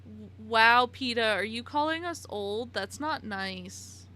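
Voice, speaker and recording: A woman in her late twenties chats casually on a live stream while playing, giggly and talkative, answering viewers by name. Her voice is a little high, pushed and bright, animated yet slow, with a bit of hiss or hum.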